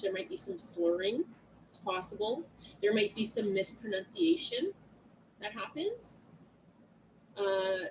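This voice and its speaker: Lively high-voiced woman teaching. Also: a little hiss or hum, poor audio. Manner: animated, acts out client scenes. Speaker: instructor. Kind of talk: classroom lecture.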